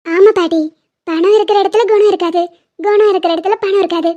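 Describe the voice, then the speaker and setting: A woman voicing a cheeky, affectionate young woman in an animated series, playfully defiant. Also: very high voice, a little fast. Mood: gentle. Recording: dull lo-fi sound.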